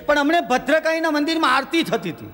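A man telling stand-up jokes, slipping into quick character voices for the people in his stories. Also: very high voice, very animated, fairly bright tone. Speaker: stand-up comedian. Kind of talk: stand-up joke telling in a stage show. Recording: long hall reverb.

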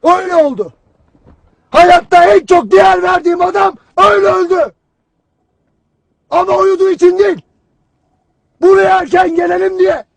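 An actor playing a stern, harsh army commander who berates his soldiers in a cold, clipped, shouted delivery. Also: very high-pitched, steady tone, moderate pace, creaky, long pauses. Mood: lecturing. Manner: cold, relentless, clipped questioning. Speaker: military commander. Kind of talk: film drama acting.

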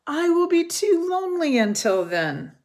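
A woman voicing an eager, cheerful male frog from a storybook, calling out in a high, excited voice. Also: measured pace, full character voice. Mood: eager pleading.

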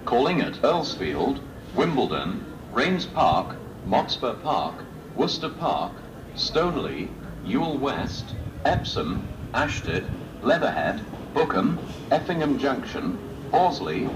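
A British man making formal train station announcements in a measured way, reading out station names like a list. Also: mid-range voice, sing-song. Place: railway station platform, recorded from afar. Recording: distant echoing platform tannoy, loud train noise. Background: loud train and station noise.

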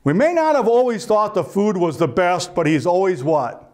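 A man's voice: high voice, animated, normal speed, darkish tone. A man preaching a sermon as pastor, earnest and asking his listeners rhetorical questions.

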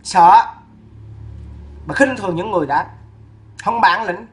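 A woman's voice: mid-range voice, animated, fairly quick, a bit bright. A woman scolding someone in a fierce, insulting, sing-song rant. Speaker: woman ranting at a neighbor. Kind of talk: ranting scolding monologue.

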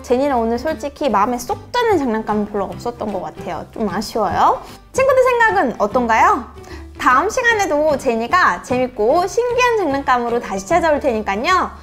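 A woman's voice: high-pitched, big pitch swings, fairly quick, fairly bright tone, soft background music. A young woman hosting a toy unboxing for children, calling herself by name, talking to viewers as her friends, and singing out playful cries for each reveal. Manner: sing-song reveal cries.

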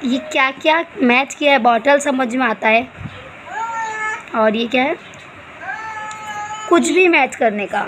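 A woman's voice: sits high, takes it slowly, pauses often, background noise. A young mother in a casual family vlog, talking to viewers while scolding and cooing at her small children. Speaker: vlogger mother.

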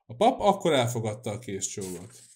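A man narrating a classic novel in a steady, measured reading voice. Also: fairly low pitch. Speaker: audiobook narrator. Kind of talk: scripted narration.

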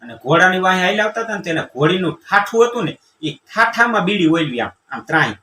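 A man, telling a comic village tale in a folksy, animated way and acting out the people in it. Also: high-pitched, fast talker. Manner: animated, acts out quoted villagers. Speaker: comedian telling jokes. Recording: roomy, distant mic with faint ambience.

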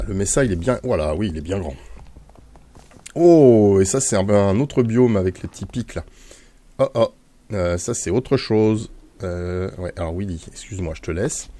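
Mellow low-voiced man narrating his game. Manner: chatty, talks to his in-game mount, many filler hesitations. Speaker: Let's Play gamer. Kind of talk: casual game commentary.

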